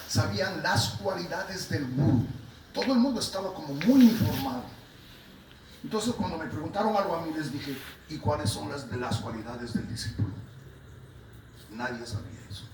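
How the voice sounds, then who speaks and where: Peruvian man, spiritual talk, storytelling, distant mic, echoey room, background noise. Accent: Peruvian Spanish. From Peru. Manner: storytelling, quoting his teachers, animated rises in pitch. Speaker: swami giving a spiritual talk. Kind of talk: sermon.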